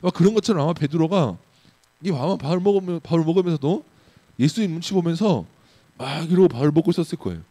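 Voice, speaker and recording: A man giving a children's sermon in church, telling a Bible story in an animated way and asking the children questions. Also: a little high, quick pace. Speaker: children's pastor.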